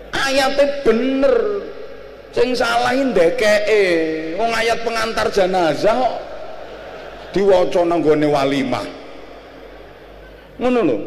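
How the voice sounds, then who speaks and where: A man's voice: high-pitched, slight background noise. A middle-aged man giving a humorous sermon, switching languages and acting out little scenes. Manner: jokey, mixing Javanese and Indonesian, acts out examples. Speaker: Islamic preacher. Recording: roomy echo, faint ambience.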